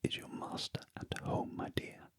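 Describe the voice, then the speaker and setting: A British man voicing a reformed, courteous old Victorian gentleman in a gentle, breathy whispered role-play for a storybook reading. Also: a little slow, no echo, close to an everyday voice. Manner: polite, old-fashioned, gentle.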